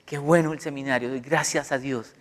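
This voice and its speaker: A man's voice: medium pitch, a little fast. A middle-aged man, a pastor, giving a sermon in a conversational, storytelling way. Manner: conversational, animated storytelling with acted quotes. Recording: long hall reverb.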